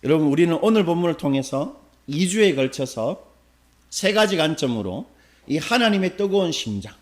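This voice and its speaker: A man preaches a Sunday sermon in a high voice that rises and falls a great deal. He keeps turning to the congregation with questions and answers them himself. Now and then he acts out a harsh scolding in quick bursts. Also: sing-song. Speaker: pastor. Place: church sanctuary.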